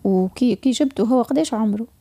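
A Tunisian woman counselor speaks with a gravelly, husky, dark voice. She talks fast and keeps it high-pitched for a woman. She presses with questions and lays out her reasoning. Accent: Tunisian Arabic. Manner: probing, explaining. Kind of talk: advice talk.

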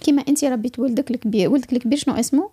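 A woman's voice: sits high, rapid-fire, dark tone, slightly rough. A woman with a Tunisian Arabic accent, working as a counselor who asks probing questions and explains at length. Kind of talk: advice talk.

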